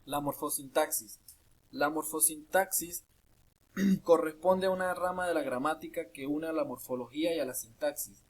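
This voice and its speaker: A man reading a grammar lesson aloud in a measured, list-like way, with small restarts. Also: a little high, steady tone. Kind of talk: read-aloud lesson narration.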